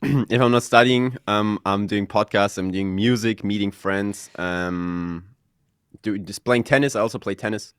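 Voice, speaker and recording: Brief: twenties guy, low smooth voice, dry close sound, shy and halting. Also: no room sound. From Germany. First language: German. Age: 20s. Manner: modest, hesitant, many ums. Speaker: podcaster guest. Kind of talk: casual interview answers.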